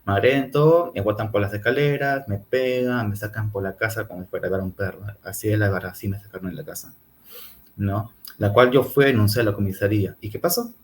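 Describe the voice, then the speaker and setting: Man, Peruvian accent, TV interview guest, halting delivery, lowish voice. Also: a little hiss or hum. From Peru. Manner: halting, frequent tag questions. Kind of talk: TV interview testimony.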